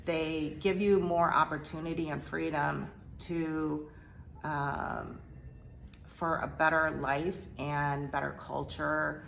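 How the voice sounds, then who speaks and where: A middle-aged South Korean woman, a guest in a personal testimony interview, tells her story slowly in a low, gravelly voice. She is soft-spoken and halting, pausing often and using many fillers. The audio is poor, with a faint hiss beneath her voice.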